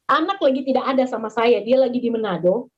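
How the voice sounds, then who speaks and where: A middle-aged woman pastor giving a sermon over a video call, animated storytelling that acts out the voices in her stories. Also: on the high side, fast, husky. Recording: dull lo-fi video call audio.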